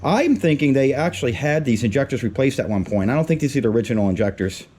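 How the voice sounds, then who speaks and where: With a mid-range, darkish voice, this man talks fast and expressively while demonstrating a repair test as a DIY mechanic. His casual how-to comes in short, muttered steps, captured on a roving handheld camera over clanking tools and workshop noise.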